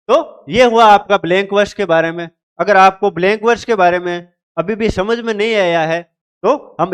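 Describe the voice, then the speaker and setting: Guy teaching lit for exams, high clear voice, keeps repeating terms. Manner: repeats key terms, asks and answers his own questions. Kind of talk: exam-prep literature lecture.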